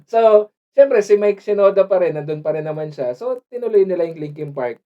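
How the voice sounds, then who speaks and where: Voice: mid-range voice, animated, a little fast, highs cut off. Laughing casual podcast co-host. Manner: laughs often, mixes English into Tagalog, searches for words. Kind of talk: casual chat.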